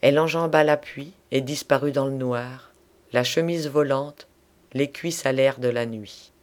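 Male audiobook narrator, measured and expressive literary reading. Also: mid-range voice.

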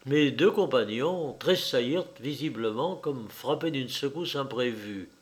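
A man reading a literary tale aloud, with measured, formal storytelling. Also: mid-range voice, lively intonation. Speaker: audiobook narrator. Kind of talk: scripted literary narration.

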